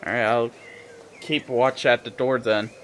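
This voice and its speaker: A man's voice: medium pitch, flat delivery, unhurried, a bit bright, a little hiss or hum. A man playing a tabletop game on a voice call, casually describing his character's moves. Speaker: player.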